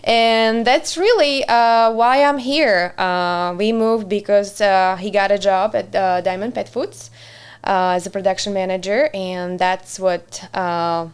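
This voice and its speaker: A woman, a podcast guest who chats in a friendly way, laughs easily and often pauses on "uh". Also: mid-range voice, clear, resonant tone. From Slovakia. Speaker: podcast guest, community center director. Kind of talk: casual interview chat.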